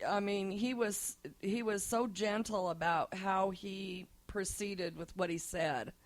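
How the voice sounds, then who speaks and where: A woman's voice: medium pitch, takes it slowly. A woman co-hosting a casual interview, asking questions in an easygoing way with hesitant fillers. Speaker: podcast co-host.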